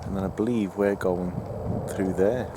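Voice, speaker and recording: A man's voice: sits low, fairly even intonation, normal speed, noisy background. A man investigating the paranormal, calling out to spirits and joking wryly to camera, outdoors in woods at night. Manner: dry, wry humor.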